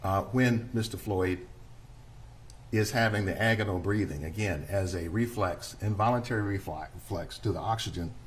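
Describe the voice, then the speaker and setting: A middle-aged man giving a courtroom opening statement as prosecutor, speaking in a measured, deliberate way to the jury. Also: low-pitched, slight background noise.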